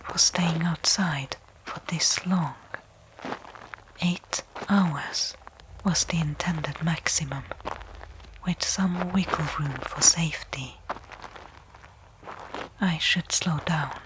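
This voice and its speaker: In an ASMR audio roleplay monologue, a woman plays a tense, stranded space explorer, phrasing deliberately with pauses. Her deep voice comes through as a breathy, hushed, unvoiced whisper. The background is noisy.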